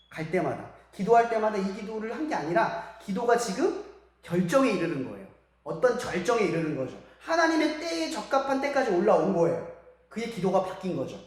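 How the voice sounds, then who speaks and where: Young woman preacher, lively sermon with lots of questions to the room, heavy church-hall echo. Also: medium pitch. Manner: animated, asks the audience many rhetorical questions. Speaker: preacher at a school church service.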